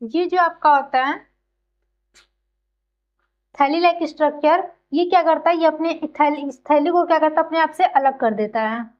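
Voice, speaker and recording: Woman with a very high voice who teaches by everyday comparisons and quick questions she answers herself. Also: highs cut off. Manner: keeps asking and answering her own questions. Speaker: biology teacher. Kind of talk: explanatory classroom lecture.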